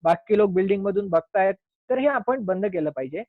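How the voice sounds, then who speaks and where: High-voiced man on a tinny line. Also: lively intonation, brisk, no echo. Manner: earnest, explanatory, acts out little quoted scenes. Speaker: doctor. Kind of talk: health talk.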